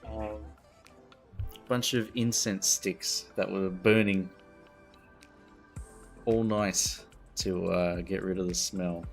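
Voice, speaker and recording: Slow, gravelly-voiced man streamer. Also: deep voice, steady tone, soft background music. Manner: laid-back, self-mocking, chuckling. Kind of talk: casual chat while playing a game.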